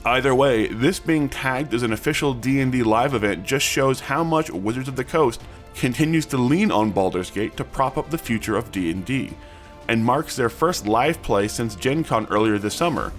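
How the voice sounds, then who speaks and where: Male news host, scripted narration in a middle-pitched voice, music bed behind. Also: lively intonation, moderate pace. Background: background music.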